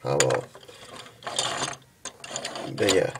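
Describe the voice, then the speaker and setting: A young man casually reviewing and transforming a toy figure, halting and stumbling over his words, tired from just waking up. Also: extremely low pitch, animated, background noise. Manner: halting, stumbles and restarts often.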